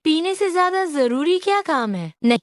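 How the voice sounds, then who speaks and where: A woman's voice: very high-pitched, big pitch swings, normal speed, no echo, studio quality. A woman voicing a tipsy, pushy male client who keeps urging others to drink, in a Hindi dub. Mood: coaxing.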